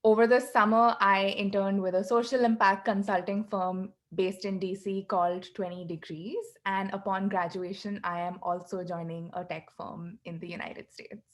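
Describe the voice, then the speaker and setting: A woman's voice: mid-range voice, flat delivery, normal speed, hardly any pauses. Indian woman, mba student, easygoing intro, middle voice. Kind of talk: self-introduction on a video call.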